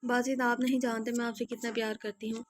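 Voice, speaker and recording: A hoarse woman reading a romance novel aloud and voicing all its characters, often clearing her throat and restarting words. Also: level tone. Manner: narrow pitch range, stumbles and restarts words. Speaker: audio novel narrator.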